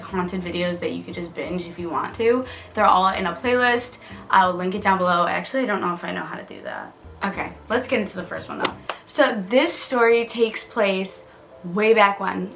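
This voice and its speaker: A woman's voice: medium pitch, pushed and bright. A young woman vlogger telling a spooky story in a casual, rambling way, often giggling and saying "like.".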